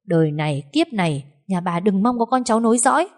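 A woman voicing a sharp-tongued, defiant young daughter-in-law in an audiobook story. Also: medium pitch, expressive, quick pace, natural voice. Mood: defiant scorn. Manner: cutting, defiant.

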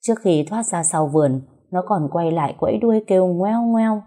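A woman narrating a dramatic folk story in a calm, measured storytelling voice. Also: fairly low pitch.

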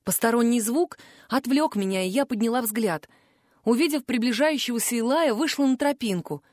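A woman narrating a first-person audiobook in an expressive storytelling manner, close to the mic. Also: on the high side, moderate pace, no room sound.

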